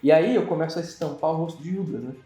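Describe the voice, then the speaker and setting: Animated Brazilian man in an echoey room. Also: fairly high pitch, fast. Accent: Brazilian Portuguese. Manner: animated, dramatic retelling that acts out other people's lines. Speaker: interview guest, business owner. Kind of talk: motivational storytelling in an interview. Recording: echoey room with faint music.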